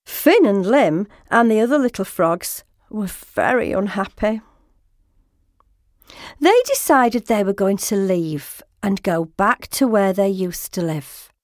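A woman reading a children's story aloud as a storyteller, slow and deliberate. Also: medium pitch, dry recording, clean studio sound.

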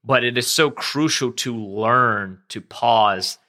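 A man's voice: medium pitch, slow, pushed and bright. A young man hosting his own podcast, talking in a loose, rambling way with lots of fillers, restarts and the odd curse. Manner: rambling, self-correcting, with frequent fillers and casual cursing. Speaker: podcast host. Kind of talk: casual solo podcast talk.

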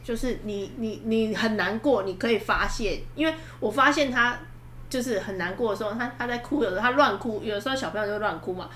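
A woman's voice: fairly high pitch, fairly quick, a bit bright, slight background noise. A woman chatting casually as a podcast co-host, telling stories in a rambling way and restarting her sentences often. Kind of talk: casual chat, storytelling. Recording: roomy room echo.

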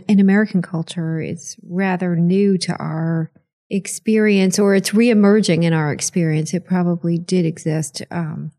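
A woman hosting an interview, asking measured, thoughtful questions and murmuring along as her guest talks. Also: fairly low pitch, warm tone. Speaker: podcast host.

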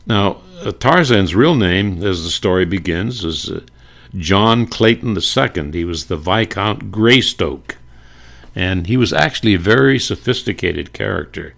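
An older man fondly reminiscing about old radio shows and comics, unhurried and warm in tone. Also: low-pitched, lively intonation, creaky. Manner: unhurried, fond, with fillers and restarts. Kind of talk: nostalgic reminiscing talk.

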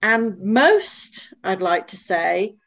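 A woman's voice: mid-range voice, lively intonation, very slow, fairly bright tone. A woman guest on a podcast, chatting casually and sometimes searching for words. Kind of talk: casual chat.

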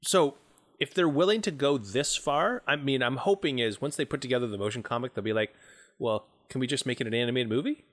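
A man's voice: mid-range voice, a little fast. A man co-hosts a podcast in a casual chat. He sounds laid-back and often answers with short reactions. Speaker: podcast co-host.

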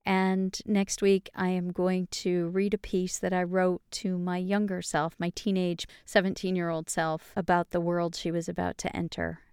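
A woman with an exceptionally clear, smooth voice hosts a podcast, reflecting gently and reading her own poems. The sound is dry and close, with no room around her. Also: fairly low pitch, flat delivery, moderate pace, hardly any pauses, dry recording. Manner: gentle, warm and reminiscing. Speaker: podcast host.

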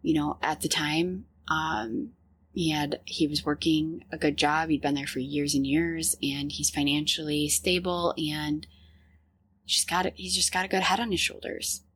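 A woman's voice: sits low, fairly even intonation, unhurried, fairly bright tone, slightly rough. A woman in her thirties hosting a podcast, telling her personal story in a candid, earnest way and laughing often. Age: 30s. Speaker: podcast host.

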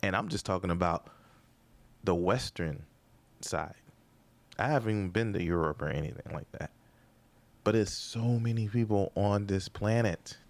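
A man's voice: lowish voice, darkish tone. A man, a comedian hosting his own podcast, rambling through a comedic monologue with sarcastic asides and rhetorical questions.

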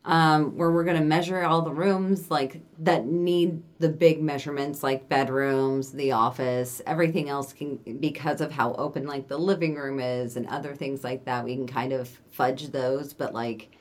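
Low-voiced woman in animated chat. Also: moderate pace, hardly any pauses. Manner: animated, swears freely, acts out quotes. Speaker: podcast co-host. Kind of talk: casual chat.

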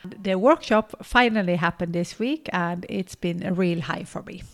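A woman's voice: fairly low pitch, moderate pace. A woman co-hosting a podcast, chatting casually and enthusiastically, laughing often. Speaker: podcast co-host.

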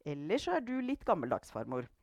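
A woman's voice: low-pitched, huge pitch swings, a little mellow, no room sound, heavily acted. A woman voicing an earnest young granddaughter who defends her father.

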